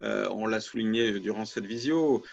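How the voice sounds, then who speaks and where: A man's voice: on the low side, moderate pace, gravelly. A man moderating an online discussion with long, roundabout, unscripted questions, heard through lo-fi web-call audio. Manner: wordy, roundabout questions with restarts. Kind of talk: unscripted interviewing. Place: web video meeting.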